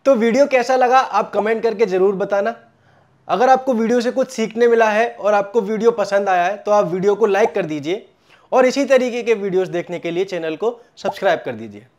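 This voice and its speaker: A man's voice: sits high, a little fast, a little mellow. A man hosting an educational channel, giving a video sign-off asking viewers to like and subscribe. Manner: friendly sign-off, asks to like and subscribe. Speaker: channel host. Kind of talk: video outro. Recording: dull lo-fi sound.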